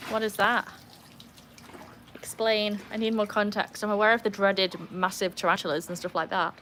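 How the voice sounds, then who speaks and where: A young Welsh woman, her accent a blend of Welsh and English, hosts a relaxed livestream outside by a pool, chatting, reading viewer comments aloud and laughing easily. Her voice is medium-pitched, flat and fairly bright, at a moderate pace, with slight background noise.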